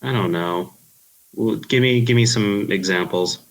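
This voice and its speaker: A man from Queens, New York, with a Queens accent, chatting on a podcast in a sleepy, deadpan monotone. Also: lowish voice, measured pace, rough recording. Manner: deadpan, dry. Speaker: podcast co-host. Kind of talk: casual podcast chat.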